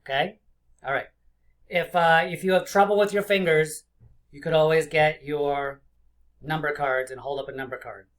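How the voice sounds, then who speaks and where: A man's voice: fairly high pitch, fairly bright tone. Man talking like a kids show host. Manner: encouraging, addresses children with simple questions and pauses. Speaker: children's math teacher. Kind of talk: kids show host, interactive counting lesson for young children. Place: small indoor room.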